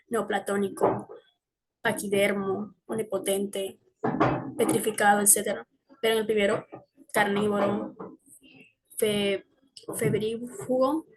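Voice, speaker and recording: A woman's voice: mid-range voice, breathy edge. A young woman giving a class presentation, hesitant, with fillers and self-corrections. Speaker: student presenter.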